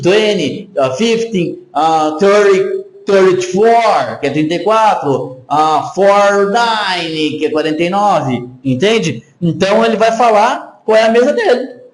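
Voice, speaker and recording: A man teaching a spoken English lesson, who repeats phrases slowly and draws out each word. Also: high-pitched, low-quality recording.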